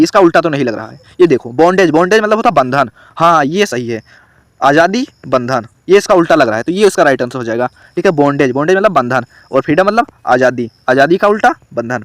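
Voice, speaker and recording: Indian man teaching grammar, fairly high, dry. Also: no room sound. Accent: Hindi. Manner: explains step by step, asks students questions. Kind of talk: online grammar lesson.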